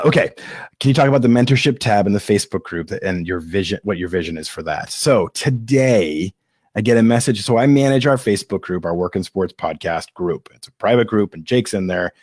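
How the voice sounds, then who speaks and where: A man on the low side, his voice a little mellow, hosts a casual live-streamed Q&A, answering audience questions in a candid, self-deprecating, meandering way. He coughs and hiccups at times, in clean, echo-free studio sound.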